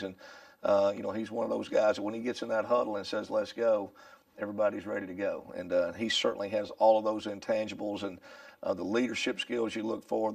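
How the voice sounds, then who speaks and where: A head football coach answering interview questions in a measured way, with many fillers. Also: male voice, on the low side, creaky, darkish tone, no echo, recorded from a distance.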